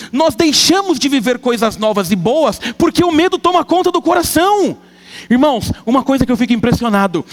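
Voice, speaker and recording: A man preaching a sermon, telling a comic family story with animated delivery. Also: very high-pitched. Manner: animated, comic, acts out family members' voices. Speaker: pastor. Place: church hall. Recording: long church hall reverb.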